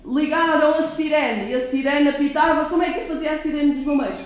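A woman's voice: high-pitched, steady tone, brisk, heavy background noise. A woman reading a picture book aloud to children and asking them questions as she goes. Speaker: children's storyteller. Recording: very echoey room.

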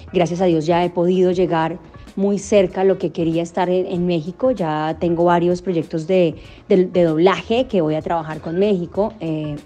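A woman's voice: lowish voice, dark tone. A young adult woman from Colombia, a voice actor and singer, answering interview questions thoughtfully with frequent restarts and fillers.

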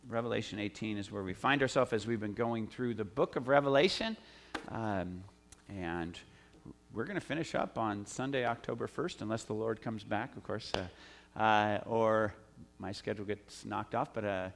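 A man's voice: fairly low pitch, animated, moderate pace, gravelly, fairly bright tone, a little hiss or hum. A middle-aged man from the United States, a pastor giving a sermon in a conversational way, with asides and frequent "uh" fillers.

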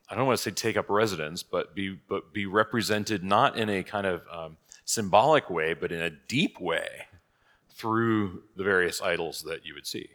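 Man, pastor, cathedral echo, long hall reverb, low voice, catechism teaching. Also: fairly bright tone. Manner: conversational, thinking aloud with restarts. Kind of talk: liturgical prayer, then informal catechism class.

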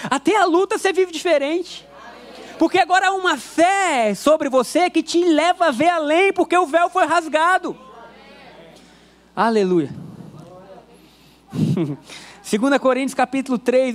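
A pastor preaching a fervent sermon, with slow emphatic declarations broken by quick asides. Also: male voice, extremely high pitch.

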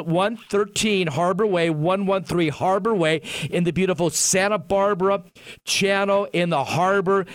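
High-pitched man, bombastic ringmaster-style radio host. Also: no echo. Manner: effusive, piling up superlatives. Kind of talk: showman's radio introduction.

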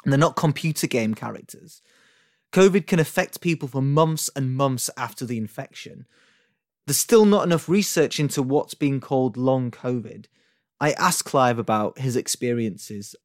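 A man's voice: mid-range voice, normal speed, no room sound. A man presents a segment in a blunt, emphatic way. His voice sits in a middle range and sounds dry and close to the mic. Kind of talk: scripted narration and interviewing.

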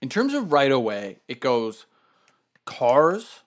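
A man co-hosting a casual chat, telling a story in an animated, profane way with bursts of laughter. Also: medium pitch, takes it slowly. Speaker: podcast co-host.

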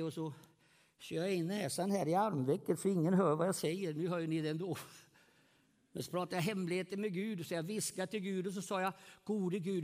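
A middle-aged male pastor preaching to a congregation in a meeting hall, animated, swinging between loud and soft and asking the listeners questions. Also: high-pitched. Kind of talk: evangelistic sermon. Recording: long hall reverb.

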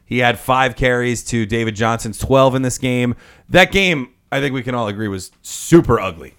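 A man's voice: medium pitch, moderate pace, fairly bright tone. A man co-hosting a fantasy football podcast, joking and laughing through casual chat. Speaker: podcast co-host.

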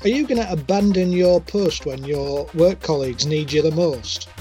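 A man's voice: fairly high pitch, normal speed, dark tone, faint music behind. A man playing a tabletop role-play game, speaking in character in a blunt, challenging way.

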